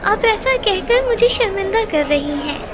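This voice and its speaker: A woman voicing a clever, gentle young girl bird in a cartoon story, with a very high childlike voice. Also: expressive, a little slow, crowd noise.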